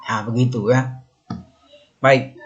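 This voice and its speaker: A man teaching a recorded lesson, patiently explaining and repeating each term slowly while pointing at marks on a slide. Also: mid-range voice, steady tone, dull audio. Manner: patient, explanatory, with many fillers.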